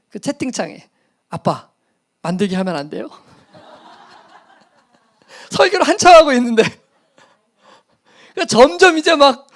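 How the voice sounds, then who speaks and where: A man's voice: very high-pitched, a bit bright. A middle-aged male pastor telling a personal story in a sermon, acting out the voices and laughing at himself.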